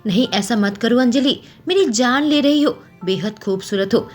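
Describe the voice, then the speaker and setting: Earnest, protective young husband voiced by a woman for a storybook read, fairly high and pleading. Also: animated, moderate pace, soft background music, close to an everyday voice. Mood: tender.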